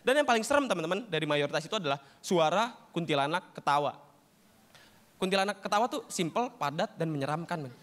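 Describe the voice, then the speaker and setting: A young man doing a stand-up comedy set, telling stories in an animated, slangy way and acting out characters. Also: a little high, quick pace. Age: young adult.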